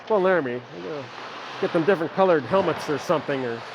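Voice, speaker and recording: A middle-aged man with a fairly high voice calls a hockey game live at an ice rink. His amateur play-by-play is quick and easygoing, with friendly asides between plays, and steady rink noise can be heard clearly behind him. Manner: rapid play-by-play with relaxed chatty asides. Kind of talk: amateur live sports commentary.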